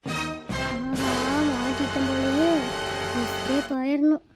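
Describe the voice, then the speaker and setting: A woman voicing a sly old village woman who sneaks into a house as a fake guest, muttering low and slow, in a family comedy skit. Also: over loud music, lightly acted, rough recording. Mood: alarmed.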